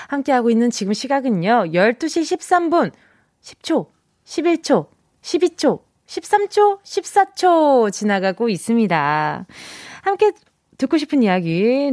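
A young female radio host from Busan, with a somewhat high and slightly mellow voice, chats casually on air, laughs frequently, and dramatizes messages from listeners. It's captured cleanly in a radio studio on a studio microphone, with no room sound.

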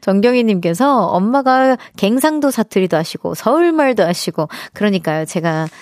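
A woman's voice: mid-range voice, animated, normal speed, a little mellow, no room sound, clean studio sound. A woman radio DJ chatting casually and reading listener messages, laughing often and hesitating.

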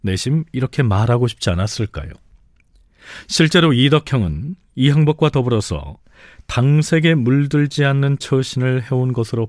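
A man hosting and narrating a history program in clear, explanatory scripted speech. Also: mid-range voice, darkish tone, no room sound, studio quality.

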